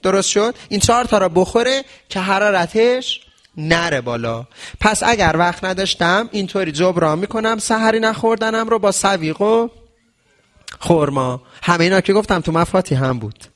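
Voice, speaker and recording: A man giving a traditional medicine lesson on fasting, asking questions in the listener's voice and answering them himself. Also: high voice, animated, a bit bright. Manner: asks and answers his own questions. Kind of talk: religious health lesson.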